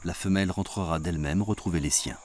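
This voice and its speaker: Male narrator for nature documentary, low register, clear ambient wildlife noise under the voice-over. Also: fast talker, darkish tone.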